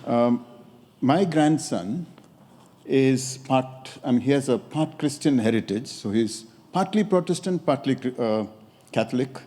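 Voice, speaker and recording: A design academic in his sixties from India, with an Indian accent, gives a measured conference talk at a podium in a lecture hall, pausing with occasional hesitations. His voice is medium-pitched and warm, captured by a podium microphone in an echoey hall.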